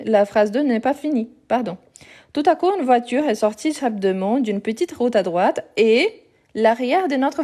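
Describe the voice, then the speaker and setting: A woman's voice: on the high side, warm tone. A woman teaching a live grammar lesson over her phone, explaining patiently, repeating words and correcting herself as she goes. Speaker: French teacher.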